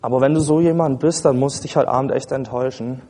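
A man's voice: mid-range voice, steady tone, fast, dark tone. A man preaching a sermon at a church service in a colloquial, casual way, speaking directly to his listeners. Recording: long hall reverb.

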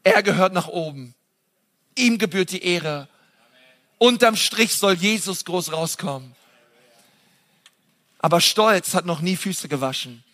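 Bright, high-voiced German preacher. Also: male voice, expressive, a little slow, pauses often. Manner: passionate, emphatic, swings from loud to soft; casual, direct address to the audience. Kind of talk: sermon.

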